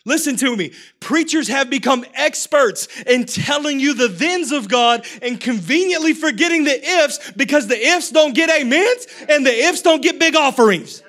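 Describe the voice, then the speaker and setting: High, bright-voiced energetic preacher man. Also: normal speed, few pauses. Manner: energetic, humorous preaching with crowd call-and-response. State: voice getting hoarse. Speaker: pastor. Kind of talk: sermon.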